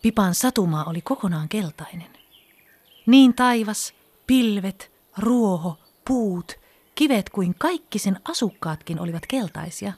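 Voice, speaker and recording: A woman reading a children's story aloud, expressive and sometimes dropping to a whisper. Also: medium pitch. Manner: expressive, with hushed whispered passages.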